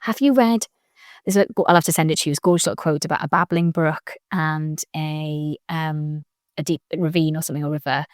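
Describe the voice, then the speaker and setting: A woman, a joy coach and mother, chatting casually in an animated way, laughing often and using lots of fillers. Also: deep voice, a little fast, no echo, studio quality. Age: adult mother. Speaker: joy coach and podcast guest. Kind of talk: casual conversation.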